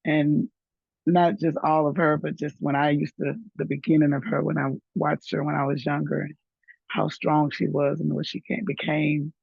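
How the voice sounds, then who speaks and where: A middle-aged woman with a hoarse voice, chatting warmly and laughing between thoughts in an online group. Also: low-pitched, little pitch movement, normal speed, no room sound. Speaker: group member sharing. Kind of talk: casual sharing in an online group. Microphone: video call. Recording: dull lo-fi video call audio.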